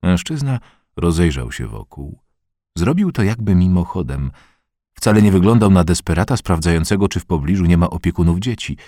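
A man narrating an audiobook in a measured, expressive reading voice on a close studio mic. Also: low voice, dry recording. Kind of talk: scripted narration.

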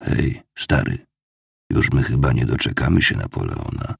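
A man voicing a gruff, blunt old veteran who mutters his words. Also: deep voice, big pitch swings, a little slow, a little mellow, dry recording, clean studio sound, exaggerated voice. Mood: gruff muttering.

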